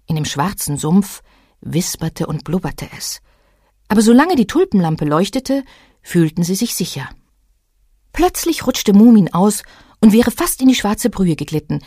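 Female storybook reader, very lively melody, dry close sound. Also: fairly low pitch, normal speed, slightly rough, no room sound. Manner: expressive, lively reading. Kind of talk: children's storybook reading.

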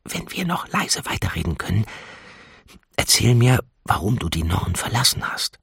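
A man voicing a nervous, flustered young mortal man, speaking in hushed, uneasy tones. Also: on the low side, normal speed, breathy edge, no room sound, clean studio sound, pitched above the performer's own voice, full character voice.

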